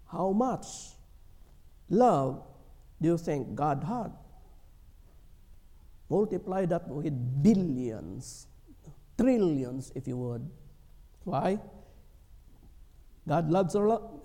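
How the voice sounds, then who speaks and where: Slow, gravelly man preaching in a hall. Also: sits high, dark tone. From Philippines. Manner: slow, earnest preaching, acting out prayers in a pleading voice. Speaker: pastor. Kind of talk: sermon. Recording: long hall reverb.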